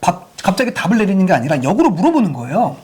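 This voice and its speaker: A woman's voice: mid-range voice, sing-song, racing, a little mellow, slightly rough. A woman giving a sex education lecture to parents, using many rhetorical questions to the audience.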